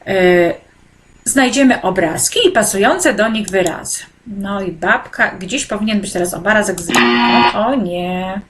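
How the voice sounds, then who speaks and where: A woman teacher walks children through an online e-textbook lesson. She talks slowly and patiently, stopping often on hesitant fillers, and her voice sits at an ordinary middle pitch. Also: animated, over music. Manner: speaks directly to children, encouraging. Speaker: primary school teacher.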